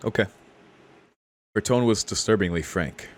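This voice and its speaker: A young male streamer plays a visual novel, offering laid-back, slangy commentary, musing and reading text aloud. His voice is lowish, at a moderate pace.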